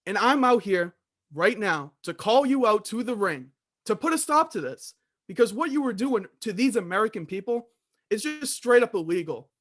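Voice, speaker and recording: Guy playing a fired up crusading wrestler cutting a promo, high voice, indignant and calling out the bad guy. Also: very animated, moderate pace, a bit bright, exaggerated voice. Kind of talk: amateur wrestling promo, speechifying.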